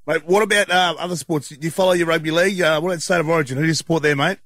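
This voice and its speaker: A man's voice: a little high, steady tone, rapid-fire, fairly bright tone, no echo. A man with an Australian accent co-hosting sports radio, rambling and matey. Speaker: radio co-host.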